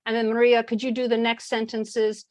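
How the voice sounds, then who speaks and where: A woman leading an online teacher workshop over a video call, chatty and animated, laughing easily as she explains. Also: a little high, moderate pace. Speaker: teacher trainer. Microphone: video call microphone.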